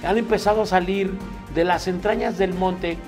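A man co-hosting a comedy news show, recounting a story in a rambling way with many pauses and restarts. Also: high-pitched, fairly even intonation, a little mellow, soft background music. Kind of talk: casual news commentary.

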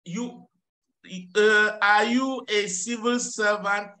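A middle-aged English tutor gives an online lesson through a webcam on a video call from a small office with tiled walls, so the audio sounds roomy. His voice is high and bright, his tone level and his pace slow. He patiently corrects and repeats phrases, switching to French to explain.

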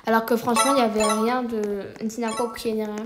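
A woman chatting through her gameplay, rambling easily and breaking into sudden excited exclamations. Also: fairly high pitch, a little fast, heavy background noise. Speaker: gaming video creator. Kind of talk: gameplay commentary.

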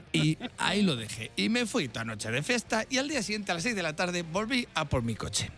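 A man telling a funny personal story on a morning radio show, animated and laughing at his own jokes. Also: high-pitched, moderate pace, faint music behind. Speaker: radio comedy contributor. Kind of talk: comic anecdote on morning radio.

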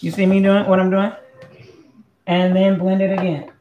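A woman from Puerto Rico hosts a casual cooking demonstration in her home kitchen, chatting as she cooks and chewing between sentences. Her mellow voice is medium-pitched and level at a moderate pace, and the kitchen sounds echoey with faint ambient noise.

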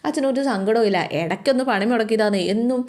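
A middle-aged father in a hospital bed shrugs off worry with light jokes to comfort his child, as a woman storyteller puts him on. The lines run fast. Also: fairly high pitch, a little mellow, lightly acted. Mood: reassuring. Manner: reassuring, joking to comfort.

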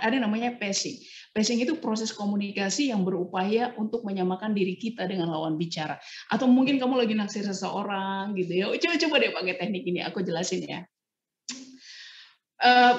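A woman trainer giving a casual online training talk, acting out short example dialogues as she explains. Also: medium pitch. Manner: lively, acts out example dialogues. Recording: roomy, dull lo-fi sound.

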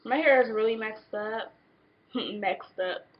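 Tipsy young American woman, higher-pitched voice. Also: muffled recording. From Washington, D.C., United States. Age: 20s. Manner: tipsy, drunk rambling, losing the thread; animated exclamations and drawn-out words. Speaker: vlogger. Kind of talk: casual storytime chat while doing makeup. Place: small bedroom, indoors. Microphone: camera a short distance away.

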